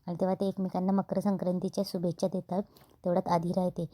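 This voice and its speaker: A woman retelling a TV serial episode in a steady, plain narration. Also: on the low side, fast.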